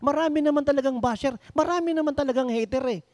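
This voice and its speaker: A man preaching a sermon in Tagalog-style storytelling, swinging between high exclamations and low asides. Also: quick pace, darkish tone, no room sound. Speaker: pastor.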